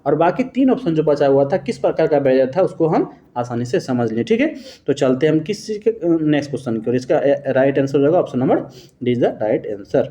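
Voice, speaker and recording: A man's voice: fairly high pitch, animated, fast, warm tone, muffled recording. Man teaching in an echoey room. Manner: explains step by step and quizzes students with rhetorical questions; corrects himself mid-sentence. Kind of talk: exam-prep lesson explaining multiple-choice answers.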